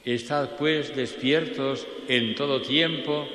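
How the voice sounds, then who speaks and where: Slow priest in cathedral echo. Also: male voice, medium pitch, steady tone, a bit bright. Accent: Spanish, from Spain. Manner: measured, declaimed. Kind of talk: solemn liturgical Gospel reading. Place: large reverberant church, indoors. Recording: cathedral-like echo, long reverb, noisy church.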